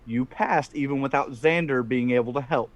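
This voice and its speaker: A middle-aged man narrating a tabletop game as game master, in a halting way with repeats. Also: medium pitch, no echo. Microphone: headset on a video call.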